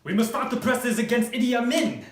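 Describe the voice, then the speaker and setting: A man's voice: extremely high pitch, lively intonation, fairly quick, echoey room, voice pushed up. A man playing an impassioned activist who urgently rallies people against a dictatorship in a history skit. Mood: defiant. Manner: urgent, declamatory. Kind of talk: dramatised historical speech.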